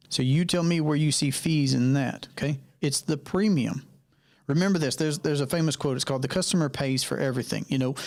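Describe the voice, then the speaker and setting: A man from North Carolina, a financial coach hosting a live online Q&A, talking conversationally over a video call, repeating his key points and addressing participants by name. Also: fairly high pitch.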